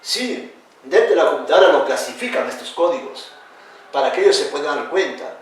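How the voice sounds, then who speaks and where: A man lectures a class in an animated, questioning way, his voice a little high for a man. He sounds set back from the mic in a very echoey classroom. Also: brisk. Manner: animated, questioning, addresses students as "hijo". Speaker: teacher. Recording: echoey room, speaker far from the mic.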